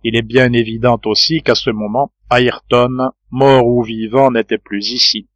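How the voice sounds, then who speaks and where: A man narrating an audiobook of a classic adventure novel in a measured, even reading. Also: medium pitch, no room sound, highs cut off. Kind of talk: scripted narration.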